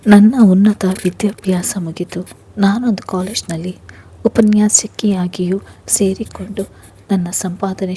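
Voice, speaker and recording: Soft-spoken woman storyteller, hushed. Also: mid-range voice, breathy edge. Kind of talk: first-person story narration.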